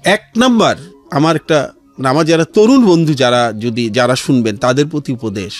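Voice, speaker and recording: With music in the background of the radio studio, this middle-aged interviewee with a Bangladeshi accent shares his life story and heartfelt advice. He speaks animatedly at a moderate pace, his pitch medium.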